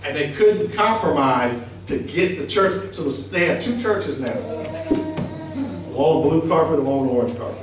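A middle-aged man delivers a conversational sermon in a small church. His voice sits fairly high and he keeps tossing questions to the pews. The sound is distant and heavily echoey, recorded from the back of the room. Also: expressive, a little slow, over music. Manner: emphatic, conversational preaching with rhetorical questions. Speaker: pastor. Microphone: handheld mic.

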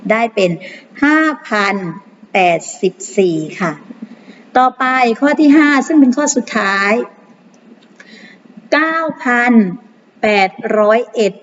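A woman teacher patiently explaining math exercises to primary pupils, reading numbers slowly and repeating them. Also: a little high, animated, slight background noise. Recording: muffled long reverb.

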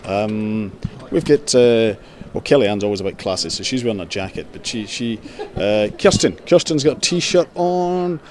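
A man hosting a casual newsroom video blog, chatty and teasing, with halting fillers, recorded on a handheld camera in a busy newsroom. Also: on the high side.

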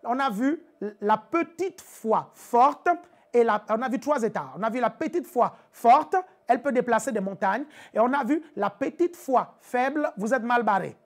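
A woman preacher delivers a live-streamed teaching sermon in a somewhat high voice. She keeps it animated and chatty, laughing easily and calling out to her viewers over and over. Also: normal speed.

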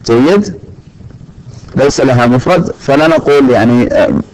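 A man at a medium pitch gives a recorded grammar lesson. He speaks slowly and deliberately, with frequent fillers and repeated words as he lays out each rule. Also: expressive, darkish tone, rough recording. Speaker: English teacher. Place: lecture recording.

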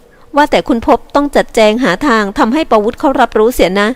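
A woman's voice: high-pitched, a little fast, in a large hall, natural voice. A woman voicing a kind young woman who sighs with sympathy and is eager to help, in an audiobook. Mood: sympathetic.

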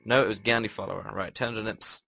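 A young man talks his way through a game in loose, wry commentary. His voice sits fairly low, with a gravelly fry and a bright, forward edge. He rambles along in an offhand way. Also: fairly even intonation, fast. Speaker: gaming video host. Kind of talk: casual gameplay commentary.

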